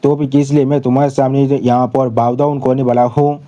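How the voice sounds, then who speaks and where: Male narrator voicing an arrogant young genius of a clan, boastful. Flat, dark read. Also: mid-range voice, brisk, natural voice. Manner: boastful and defiant.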